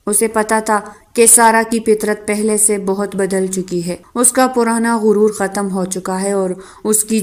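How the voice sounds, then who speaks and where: Woman narrating a romance novel. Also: medium pitch. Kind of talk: audiobook novel reading.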